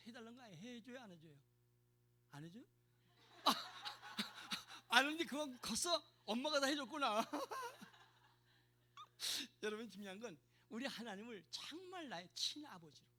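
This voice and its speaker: A middle-aged pastor preaching a sermon, emphatic and calling out to the congregation for responses. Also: male voice, high-pitched, bright, forceful tone, slightly rough.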